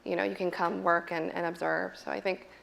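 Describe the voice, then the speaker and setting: A woman's voice: fairly low pitch, flat delivery, brisk, gravelly, a bit bright, poor audio. A woman professor on a panel speaking reflectively, with frequent "kind of" and "you know". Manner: reflective, with fillers and hedges like "kind of". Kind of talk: panel discussion.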